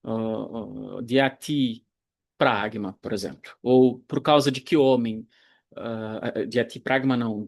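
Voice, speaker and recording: A man teaching Greek grammar in a recorded online lecture, explaining slowly and deliberately, pausing and correcting himself as he goes. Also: mid-range voice, vocal fry. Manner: slow, deliberate explaining with pauses and self-corrections.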